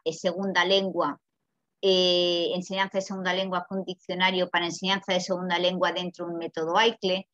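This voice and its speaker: A woman from Spain with a Peninsular Spanish accent giving a lively, chatty seminar lecture and asking the audience questions. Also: lowish voice, dry recording. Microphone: video call. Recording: dull, dry video call audio.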